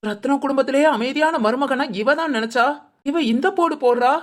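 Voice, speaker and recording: A woman's voice: high-pitched, fairly quick, heavy background noise, close to an everyday voice. A woman voicing a bossy middle-aged village mother-in-law who scolds and threatens the young couple in a cartoon. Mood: scolding. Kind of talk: cartoon voice acting.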